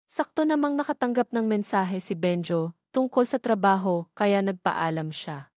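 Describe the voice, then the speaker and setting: A woman with a Filipino accent narrates a scripted romance story in a mid-range, darkish voice with lively intonation at normal speed. The studio sound is clean, with no echo.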